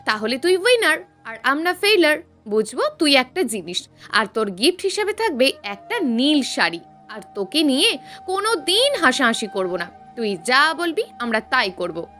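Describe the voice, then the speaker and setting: Casting: a woman doing taunting college girls in an audio story, bright and lively. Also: high-pitched, moderate pace, soft background music, heavily acted. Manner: mocking, goading. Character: teasing young female college friends.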